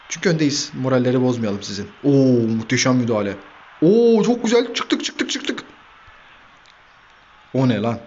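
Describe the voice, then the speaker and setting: Guy doing football game commentary, gets loud and excited, kinda dull muffled audio w faint hiss. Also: mid-range voice. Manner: excitable, shouts player names, swears at the players. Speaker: gaming channel host.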